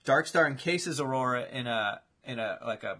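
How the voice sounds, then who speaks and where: Bright-voiced man narrating animated fight scenarios. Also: medium pitch, normal speed. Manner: animated play-by-play storytelling, casual swearing. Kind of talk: casual chat.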